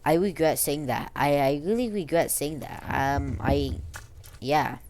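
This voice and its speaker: A young female vlogger with a low voice and a slow pace. She talks casually and without a script, rambling through slang and stumbling over words. Her R sounds come out as W, a clear speech impediment. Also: a little mellow, a little hiss or hum. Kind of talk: casual unscripted life-story chat over gameplay.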